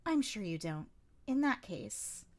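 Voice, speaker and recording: This is a scheming young nobleman who talks smoothly and without shame, teasing and wheedling. His lines ride a lively, swinging pitch that leaps up high, read by a woman narrating a storybook. He never stops pushing. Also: takes it slowly.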